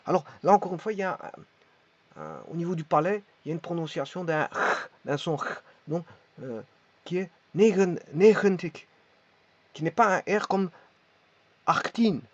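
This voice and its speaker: A man teaches in a halting way, stopping often and repeating each word as he demonstrates how it sounds. His voice sits somewhat high for a man, and the recording is dull and lo-fi. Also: big pitch swings, dry recording. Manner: hesitant, repeats words while demonstrating pronunciation. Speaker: language teacher. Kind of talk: hesitant spoken lesson.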